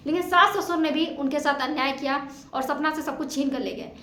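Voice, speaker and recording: Commenting on a family dispute, this woman speaks straight to her audience, opinionated and informal, hammering points home with indignant rhetorical questions. Her high voice is sharp and a little fast. There's a slight hiss or hum, and the untreated room echoes.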